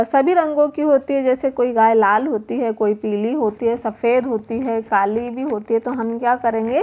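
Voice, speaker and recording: A woman teacher explains a workbook lesson to young children, her voice sitting fairly high. She talks very slowly and deliberately, repeating each word and sound so the children can follow. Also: a little mellow. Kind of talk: classroom lesson walkthrough.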